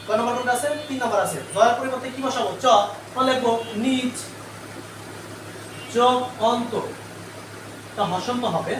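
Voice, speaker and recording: Far from the mic in an echoey room with faint noise, a male grammar teacher runs a live online class quickly in a very high voice. He keeps asking the class the same questions, then answers them on his own.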